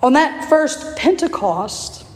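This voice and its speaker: A hoarse, raspy woman priest preaches in a measured, gentle way. Her voice sits a little high and rings through a roomy church with a long reverb tail. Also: sing-song. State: hoarse from allergies. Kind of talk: sermon. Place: church sanctuary.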